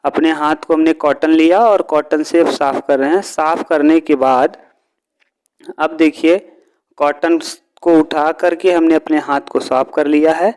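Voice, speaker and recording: A man's voice: a little high, steady tone, a little slow, darkish tone, clear, resonant tone. A male teacher giving a step-by-step lesson, often asking a question and answering it himself. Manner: asks and answers his own questions.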